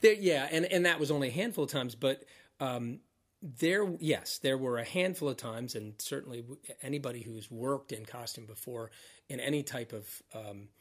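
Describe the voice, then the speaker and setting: A middle-aged man, a former mascot performer, chatting as a podcast guest, telling animated stories with frequent laughs and restarts. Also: mid-range voice, moderate pace, slightly rough. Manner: animated storyteller, laughs often, restarts words. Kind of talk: casual interview chat.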